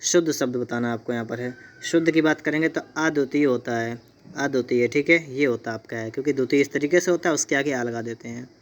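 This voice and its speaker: A male teacher from India works through exam spelling questions in Hindi. He speaks at a middle pitch and walks the class step by step, slowing down to spell each tricky word. He keeps checking in with his students as he goes. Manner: repeats "theek hai" and "dekhiyega", spells words out slowly. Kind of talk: exam-prep lesson.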